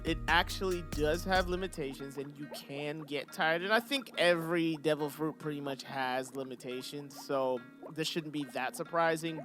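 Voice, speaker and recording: A man's voice: on the high side, fairly bright tone. A man hosting a casual chapter review, talking in a laid-back, slangy way straight to his viewers. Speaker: anime channel host.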